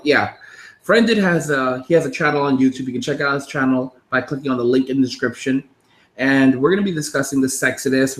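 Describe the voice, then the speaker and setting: A man's voice: medium pitch, fairly bright tone, roomy sound. A man in his thirties hosting a casual interview, rambling, with frequent restarts. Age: 30s. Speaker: podcast host.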